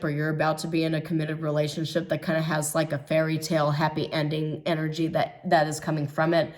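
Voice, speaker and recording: Still hoarse from a recent illness, this tarot reader speaks in a somewhat low voice during a loose, casual monologue. Her musing is broken by frequent ums and hesitations, but she drives home her points about others' jealousy with firm conviction.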